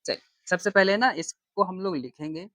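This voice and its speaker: A man teaching Urdu grammar as a class-style lesson. He asks himself questions, answers them, repeats the key terms and draws words out slowly as he writes them. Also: high-pitched, bright, forceful tone, no echo. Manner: slow, drawn-out stress on terms while writing.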